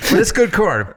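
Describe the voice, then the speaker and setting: A man's voice: high voice, breathy edge, no echo, studio quality. A man from Upstate New York, a distillery founder, telling stories casually in an interview, acting out quotes with jokey, self-deprecating humor. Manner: animated storyteller who acts out quotes, jokey and self-deprecating.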